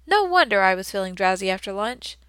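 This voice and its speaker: A woman narrating a children's audiobook in the first person as a classroom hamster, with expressive, playful storytelling and lively emphasis. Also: medium pitch, fairly quick, smooth, no room sound.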